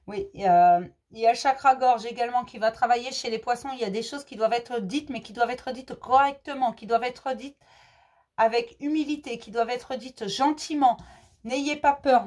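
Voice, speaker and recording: This is a woman reading tarot for a star sign, and her voice is going hoarse. Her pitch sits a little high. She drops to a murmur each time she repeats her request to the cards. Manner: softly repeats invocations to the cards between readings. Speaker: tarot reader.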